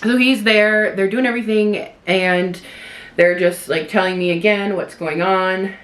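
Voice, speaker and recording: A woman's voice: medium pitch, steady tone, a little slow, a little hiss or hum. A young woman vlogger chatting in a rambling way while doing her makeup, full of likes and restarts. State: tearful at moments. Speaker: beauty vlogger.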